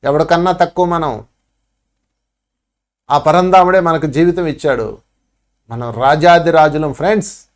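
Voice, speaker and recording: A man's voice: on the high side, measured pace, pauses often. A man with a Telugu accent giving a spiritual talk, acting out pleading voices to make his points. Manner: preachy, acts out pleading voices. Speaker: spiritual teacher.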